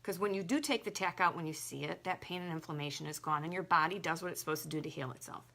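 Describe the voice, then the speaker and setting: A woman's voice: on the low side, fast talker, gravelly, bright, forceful tone. A young adult woman, a holistic health coach, talking casually and emphatically, with lots of "like" in her speech. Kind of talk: casual direct-to-camera talk.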